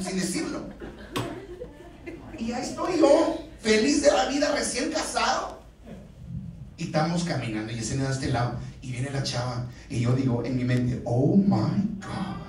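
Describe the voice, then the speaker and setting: A man's voice: sits high, far from the mic, a little hiss or hum. A middle-aged man, a guest speaker at a church couples dinner, preaching with humor and chuckling through his own stories. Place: large church hall with a live audience. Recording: very echoey hall, heard from afar, audience.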